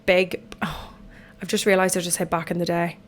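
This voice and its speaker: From an empty bathtub at home, an Irish woman in her twenties records a casual solo podcast, talking in a chatty, rambling, self-deprecating way with a voice croaky from a night out. Her voice is on the low side with little pitch movement at a normal speed, and there's slight background noise.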